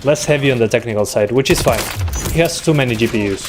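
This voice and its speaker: Streaming a shooter from his home setup, a young Uruguayan tech streamer in his 20s, a native Spanish speaker, keeps up relaxed, chatty commentary and answers chat between fights. His medium-pitched voice moves quickly through a desktop USB microphone. The background is noisy, with faint game gunfire running underneath.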